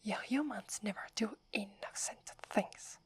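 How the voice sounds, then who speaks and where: Voicing a proud and wary she-wolf who protects a sacred forest, an Italian-accented woman whispers accusations for ASMR. Her natural, mid-range voice moves a little slowly, and her mood and manner are both scornful and accusing.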